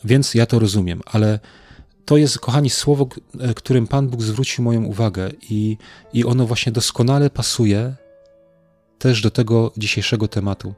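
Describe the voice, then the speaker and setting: A man's voice: mid-range voice, steady tone, normal speed, a little mellow, no room sound, soft background music. A man preaching an informal sermon, talking conversationally with many fillers, repeated words and tag questions to the listeners.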